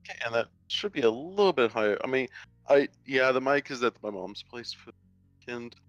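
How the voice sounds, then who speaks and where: A man running a tabletop game as game master, talking in a casual, halting way with many fillers, heard through a thin, tinny headset mic. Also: mid-range voice, expressive, dry recording, faint music behind. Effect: thin, tinny headset mic sound. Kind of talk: narrating a tabletop game online. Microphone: cheap headset mic. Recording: dull, dry, lo-fi headset mic.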